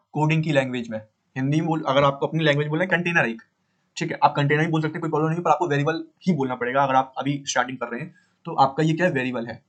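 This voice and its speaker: Higher-voiced man teaching coding casually. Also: a bit bright. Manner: repeats points, asks and answers own questions; frequent pauses to fix the drawing. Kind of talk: casual screen-drawing coding lesson.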